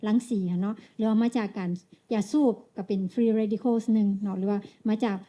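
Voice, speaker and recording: A woman with a Lao accent interpreting a medical lecture, measured, pausing often and ending phrases with tag particles. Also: medium pitch, fairly even intonation, dark tone.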